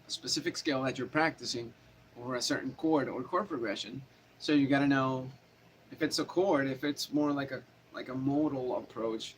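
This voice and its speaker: A man giving a casual live-stream guitar lesson, rambling and correcting himself as he explains theory and answers viewer questions. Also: medium pitch. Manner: rambling, self-correcting, chatty. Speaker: guitar teacher. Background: guitar playing.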